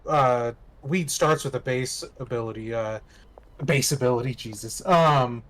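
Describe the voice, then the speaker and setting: A man's voice: mid-range voice, a little slow, a bit bright. A man bantering casually while playing a game on a stream, joking and exclaiming. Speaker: co-player in a livestreamed game.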